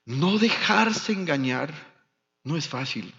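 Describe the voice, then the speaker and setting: A man's voice: on the high side, expressive, creaky, sharp tone. Colombian preacher man, storytelling sermon, muffled sound. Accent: Colombian, Medellín. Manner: storytelling, slow and emphatic. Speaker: pastor. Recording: dull sound with long hall reverb.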